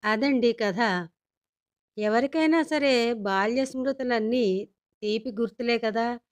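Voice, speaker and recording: Expressive woman storyteller, fairly high voice. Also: takes it slowly. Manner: expressive, animated reading. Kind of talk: storytelling narration.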